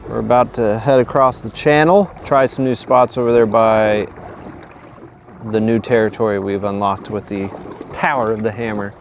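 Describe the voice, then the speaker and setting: A man's voice: on the low side, steady tone, normal speed. A man hosting a fishing vlog, chatting informally to viewers outdoors from a kayak on windy open water. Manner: informal, addresses viewers as guys. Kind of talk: casual talk to camera from a kayak.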